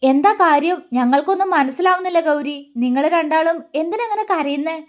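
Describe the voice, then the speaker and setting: A stern young man, worried and pressing with grave, demanding questions, as a woman storyteller puts him on. The voice stays high and light, read out as part of an audio story. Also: normal speed, close to an everyday voice.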